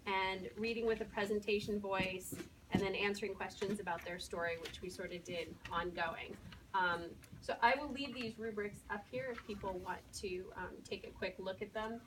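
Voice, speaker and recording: Speaking in a mid-range, fairly bright voice, a woman walks an audience through her first-graders' work one step at a time. It's an informal spoken presentation, captured on a distant mic with a little room noise in the background.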